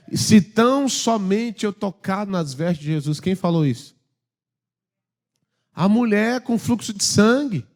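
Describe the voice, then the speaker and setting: A man with a Brazilian Portuguese accent preaching a sermon in church, swinging from loud urging to hushed asides. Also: very high voice. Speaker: pastor.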